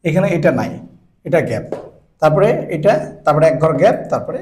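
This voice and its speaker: A male language teacher with a Bangladeshi Bengali accent, giving a slow, patient lesson and drilling syllables one by one. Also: fairly high pitch, expressive, warm tone, a little hiss or hum. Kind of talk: slow classroom-style lesson, reciting syllables. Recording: echoey room sound.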